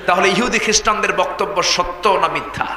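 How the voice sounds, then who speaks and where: A man's voice: high voice, fairly quick. A man preaching a fiery sermon, telling a story and urging the crowd to answer aloud. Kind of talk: fiery Bengali waz sermon. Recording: public address with echoey long hall reverb.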